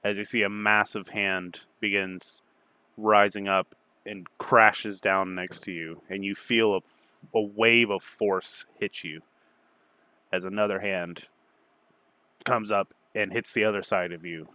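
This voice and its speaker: A man acting as game master, improvising narration for a tabletop game in an informal, halting way. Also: lowish voice, little pitch movement, sharp tone, smooth, no room sound.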